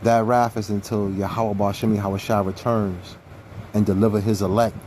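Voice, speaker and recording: A man with a lowish, warm, mellow voice teaches from scripture in a preaching style. He is earnest and emphatic and circles back to repeat key phrases. A faint hum of noise sits under his voice. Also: level tone, normal speed.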